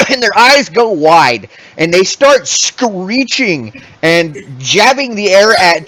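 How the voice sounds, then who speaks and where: Animated man running a tabletop game. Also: high voice, rough recording. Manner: animated, rambling narration full of restarts. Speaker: game master.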